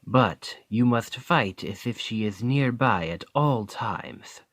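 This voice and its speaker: This ASMR roleplay features a man acting as an experienced royal bodyguard, French-accented and speaking in a dry, testing, measured manner. His medium-pitched voice has lively intonation and a fairly bright tone, with no echo.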